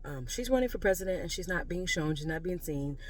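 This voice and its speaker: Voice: medium pitch, lively intonation, fairly quick, a little hiss or hum. An exasperated American vlogger giving a casual, unscripted political rant in a blunt, emphatic way. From United States. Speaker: video creator giving political commentary.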